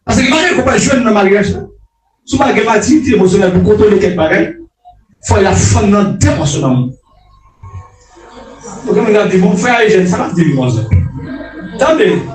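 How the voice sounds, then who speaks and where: High-pitched guy preaching hard, shouting, repeating himself, echoey room from far off, soft music behind. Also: expressive, moderate pace, long pauses. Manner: impassioned, shouted calls of alleluia; repeats and restarts phrases. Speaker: prophet preaching. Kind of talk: sermon. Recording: echoey hall picked up from a distance.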